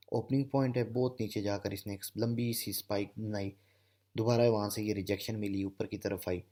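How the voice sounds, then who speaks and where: A man's voice: on the low side, a little mellow. A man teaching candlestick chart patterns over a screen recording, explaining step by step and often checking in with "okay". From Pakistan. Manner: explanatory, repeats "theek hai" often. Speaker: trading instructor. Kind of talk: screen-share trading lesson.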